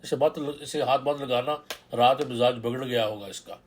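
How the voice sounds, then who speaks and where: A man's voice: medium pitch, husky, close to an everyday voice. A man voicing an elderly, kindly male cart driver who talks in a fatherly way and calls the young man son, read in a horror storybook. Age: older.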